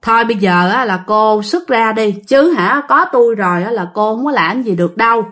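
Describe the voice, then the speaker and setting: Woman reading a firm exorcist man, calm, stern, questioning. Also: fairly high pitch, brisk. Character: calm firm middle-aged male exorcist.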